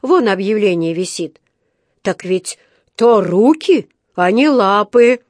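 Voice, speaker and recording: A woman reading a storybook aloud, voicing an unfriendly male factory gatekeeper who talks in a loud, mocking way. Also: mid-range voice, lively intonation, slow, no room sound, clean studio sound. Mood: sneering. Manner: sneering, loud, teasing.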